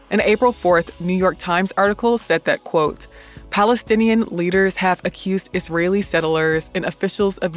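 A woman hosting a podcast reads scripted history in a measured, deliberate way, sounding muffled as if recorded in a closet. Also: lowish voice. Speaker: podcast host. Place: small home closet. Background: music.

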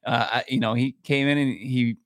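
A man's voice: mid-range voice, steady tone, moderate pace, a bit bright, no room sound, studio quality. A man co-hosting a sports podcast, chatting casually and thinking aloud with frequent restarts. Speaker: podcast co-host.

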